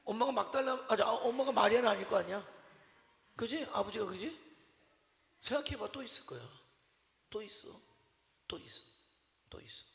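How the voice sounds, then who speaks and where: This pastor's voice sits high and gravelly, fairly bright, moving at a moderate pace with frequent pauses. Preaching at a Wednesday evening service, he chats with his congregation, repeatedly quizzing them and joking about his mother, all in a church hall with long, echoing reverb.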